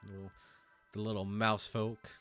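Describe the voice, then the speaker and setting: Man, game master, bright lower voice, casual halting delivery. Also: monotone, soft background music. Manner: casual, halting, with many fillers. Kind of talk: running a tabletop game.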